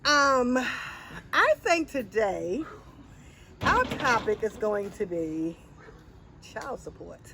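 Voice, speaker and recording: A woman hosting a casual chat with friends, animated and laughing often, with playful drawn-out asides. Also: medium pitch, creaky, background noise. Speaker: host.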